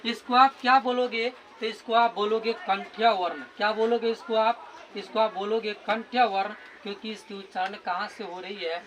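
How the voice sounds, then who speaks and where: High bright-voiced man teaching slowly. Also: fairly even intonation, a little hiss or hum, low-quality recording. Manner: repeats questions and answers them himself, drills sounds aloud. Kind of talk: classroom lesson explaining grammar.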